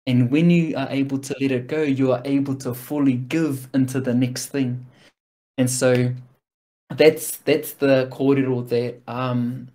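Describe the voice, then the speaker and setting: A man's voice: medium pitch, mellow. A man with a broad New Zealand accent giving a reflective, casual motivational talk in an earnest, informal way, with slang and frequent check-in questions. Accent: broad New Zealand (Kiwi). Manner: earnest, informal, peppered with slang and rhetorical "right?".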